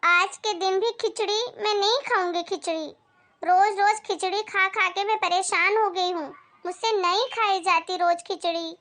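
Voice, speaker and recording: A woman voicing a gentle elderly grandmother in a comedy family skit, speaking softly and slowly. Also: very high voice, steady tone. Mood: pleading. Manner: soft, slow and pleading. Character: elderly grandmother, meek and gentle mother-in-law.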